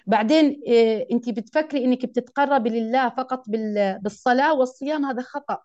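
A woman's voice: fairly high pitch, fast talker, mellow. A woman teaching a religious lesson to women, emphatic and often asking her listeners questions. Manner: emphatic, asks the audience questions. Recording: dull lo-fi recording.

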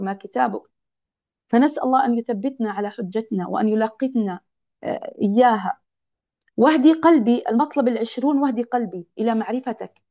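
Fast-talking woman giving a religious lesson. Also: on the high side, warm tone. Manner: earnest, exhorting, repeats key phrases. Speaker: religious teacher. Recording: dull lo-fi recording.

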